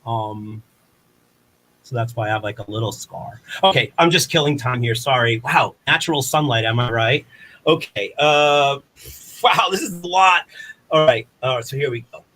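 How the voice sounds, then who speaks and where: A man of medium pitch talks at a moderate pace with a sharp tone, captured on poor audio. As a performer in an online comedy showcase, he rambles to camera in a flustered, apologetic, self-deprecating way. Theatrical exclamations erupt in sudden outbursts.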